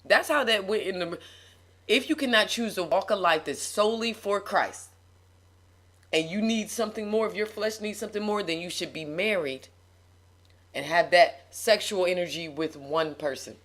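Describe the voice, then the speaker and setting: Woman, casual faith chat, preachy emphasis, animated delivery. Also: mid-range voice, moderate pace.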